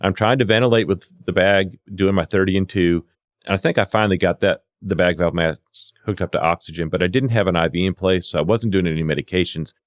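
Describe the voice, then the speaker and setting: In clean studio audio with no echo, a low-voiced man talks at a quick pace, telling animated field stories from his time as a paramedic and CPR instructor. He plays out the conversations, quoting the dialogue as he goes.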